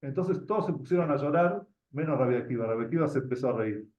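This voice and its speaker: A man's voice: medium pitch, lively intonation, fast talker. A man with an Argentine accent tells a religious story to a group as a teacher. He often stops to repeat words while he searches for the next one, and he asks his listeners questions. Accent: Argentine Spanish. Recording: echoey room, dull lo-fi sound.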